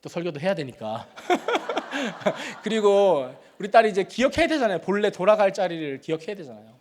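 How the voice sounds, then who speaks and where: This middle-aged male pastor delivers a sermon from a church sanctuary, full of personal, self-deprecating family stories told conversationally. He's very animated, with a high-sitting voice at normal speed, alternating loud emphatic climaxes with soft, confiding murmurs.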